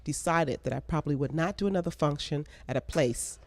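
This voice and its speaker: An American woman who produces a pageant, answering interview questions in an earnest, measured way. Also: sits low, no room sound. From United States. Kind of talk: casual interview.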